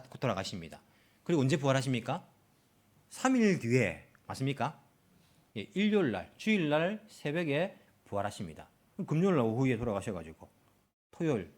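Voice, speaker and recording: A male pastor giving a Sunday sermon in a church, often asking the congregation questions and acting out quoted lines. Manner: animated, acts out quoted lines with rising pitch; asks the congregation frequent questions. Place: church in Tokyo.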